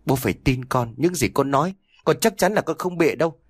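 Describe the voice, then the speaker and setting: A frightened young daughter, pleading and insistent, her voice pitched up high and swinging up and down, as a male narrator puts her on. The sound is dry and close. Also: expressive, a little fast, breathy edge, no room sound.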